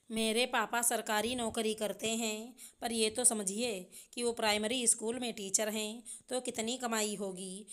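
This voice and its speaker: A woman's voice: fairly high pitch, lightly acted. Sadhana, a woman voicing a hurt young daughter-in-law. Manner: pleading, tearful complaint.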